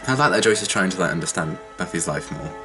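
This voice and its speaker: A young man chatting casually to viewers as a reaction vlogger, husky and congested with a cold and sore throat, sounding worn out and hungover. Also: low voice, animated, quick pace, music in the background. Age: young adult.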